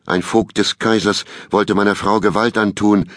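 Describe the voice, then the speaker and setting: A man's voice: fairly low pitch, steady tone, normal speed, fairly bright tone, dry recording, clean studio sound, voice pushed up, natural voice. A man voicing a desperate fleeing farmer who pleads breathlessly for help. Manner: panting, pleading.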